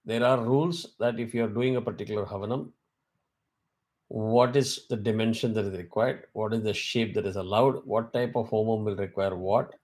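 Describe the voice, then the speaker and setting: A man's voice: lowish voice, steady tone, normal speed, a little mellow. A man teaching a weekly Vedic class over a video call. He explains step by step and asks his students questions.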